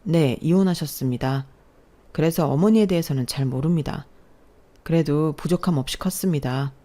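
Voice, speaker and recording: Woman doing a gentle polite young man. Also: deep voice, normal speed. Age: 30s. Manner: polite, soft-spoken.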